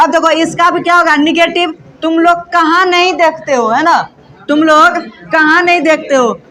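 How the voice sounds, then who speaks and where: Man, grammar teacher, sharp bright tone, call-and-response quizzing. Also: very high-pitched. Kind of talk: classroom lesson.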